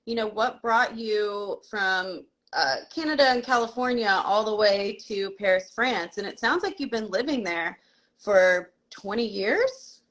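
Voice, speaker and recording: A woman's voice: mid-range voice, animated, measured pace, fairly bright tone. A young adult woman hosting a live video-call interview, friendly and hesitant, full of fillers. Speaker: host.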